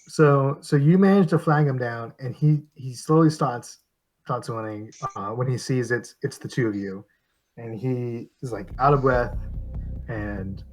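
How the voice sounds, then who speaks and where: A man narrating a tabletop game as game master, halting and restarting often. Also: medium pitch, low-quality recording. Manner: halting, many fillers and restarts.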